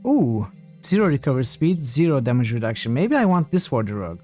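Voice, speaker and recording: A man's voice: mid-range voice, sing-song, a little fast, dark tone, faint music behind. A man doing casual live game commentary, thinking aloud and putting questions to his chat. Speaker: game streamer.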